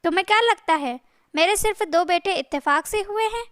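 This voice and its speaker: Woman doing a scornful older mother-in-law: scolding, sharp, close and dry. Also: very high voice, fairly quick, dry recording.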